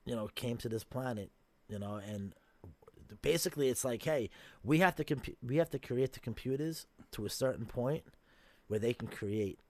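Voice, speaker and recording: A man hosting a laid-back podcast, thinking out loud in a rambling, speculative way. He swears casually and his voice is a bit rough from smoking. The recording is dry and close. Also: mid-range voice, normal speed, no room sound. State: coughing from smoking. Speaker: podcast host. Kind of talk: casual chat.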